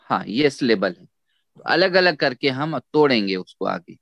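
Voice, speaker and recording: A man teaching Quran recitation in a slow, patient way, repeating sounds syllable by syllable for students to echo. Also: medium pitch, sing-song, gravelly, a bit bright, dull audio. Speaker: tajweed teacher.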